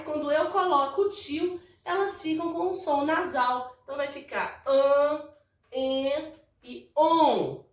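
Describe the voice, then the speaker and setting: Slow, patient high-voiced Brazilian teacher. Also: female voice. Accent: Brazilian Portuguese. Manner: slow, patient, repetitive explaining with check-ins. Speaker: primary school teacher. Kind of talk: recorded classroom lesson for children. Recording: echoey room, mic at a distance.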